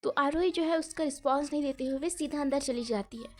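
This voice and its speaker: A woman's voice: high-pitched, fairly quick, slight background noise. A woman hosting her channel and narrating an audio story in a chatty way, mixing English words and fillers. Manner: chatty, mixes English into Hindi, many fillers.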